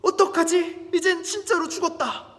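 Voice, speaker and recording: A man's voice: fairly even intonation, normal speed, a bit bright. A man voicing a scheming court official who panics and begs frantically. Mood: panicked. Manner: frantic, high and breathless. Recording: long church hall reverb.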